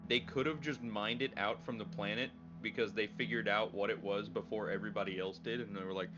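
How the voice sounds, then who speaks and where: A man's voice: fairly low pitch, steady tone, fairly quick, over music. A man playing a tabletop game, talking casually and laid back, with some swearing. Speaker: player. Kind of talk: casual chat. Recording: lo-fi online voice call.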